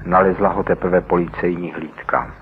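A man with a very low voice reads a story in a measured, steady way. The sound is thin and narrow, like an old radio broadcast, with faint hiss behind it. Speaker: narrator. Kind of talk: scripted narration.

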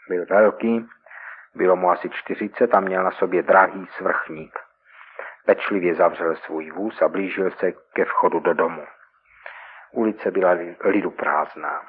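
A man narrating a story in a measured, scripted radio reading. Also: sits low, fairly even intonation, slightly rough. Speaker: reader. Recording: tinny old radio recording.

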